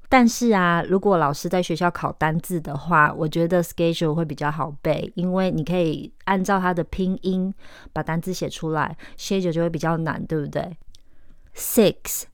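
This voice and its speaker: A woman's voice: on the low side, dry recording, studio quality. A woman from Taiwan with a Taiwanese Mandarin accent, teaching English pronunciation and repeating each word carefully for drilling. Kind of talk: podcast pronunciation lesson.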